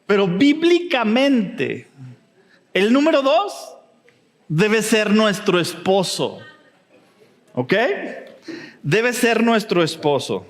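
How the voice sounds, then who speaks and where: A Mexican woman preaches at an unhurried pace, earnest yet lightly humorous, often checking in with her listeners. Her voice carries a long reverb from the hall. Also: mid-range voice, sing-song. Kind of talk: sermon.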